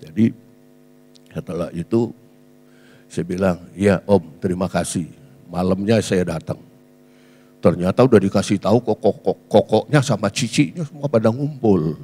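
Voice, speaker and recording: A man's voice: fairly low pitch, normal speed, pauses often, warm tone, husky. A man in his sixties, a preacher, telling a funny story in a sermon, chatty and laughing as he acts out the people in it.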